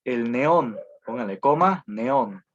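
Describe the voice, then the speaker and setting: A man teaches over a video call, reading out notes slowly, repeating words and filling pauses with little sounds. His voice sits at an ordinary middle pitch. The call audio is dull and lo-fi. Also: animated. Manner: slow dictation with frequent fillers and repetitions. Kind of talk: online class lecture, dictating notes.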